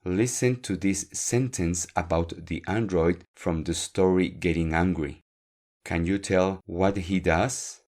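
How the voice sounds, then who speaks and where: Man, podcast Spanish teacher, deep voice, unhurried, clear and encouraging with learners. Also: fairly even intonation, a little mellow. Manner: slow, clear, repeats words for learners. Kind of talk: podcast language lesson.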